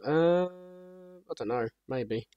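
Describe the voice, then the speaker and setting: A young man chatting casually with a friend while gaming, with a husky voice and dry, rambling humor. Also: sits high, animated, drawn-out words, mellow, dull audio. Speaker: co-host.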